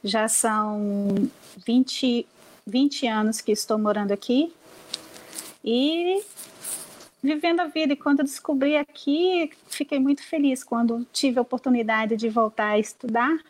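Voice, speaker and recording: A woman's voice: on the high side, fairly even intonation, unhurried, a little hiss or hum, low-quality recording. A woman introduces herself as a student guest on an interview program. She speaks in short phrases and now and then restarts a word. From Minas Gerais, Brazil. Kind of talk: interview answers.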